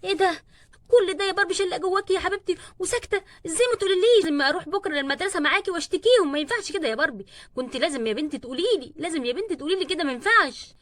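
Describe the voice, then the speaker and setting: A woman with an Egyptian Arabic accent voicing a worried mother who coaxes her daughter and gently scolds her. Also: very high-pitched, expressive, racing, no echo. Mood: worried, firm. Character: worried, coaxing mother of a schoolgirl.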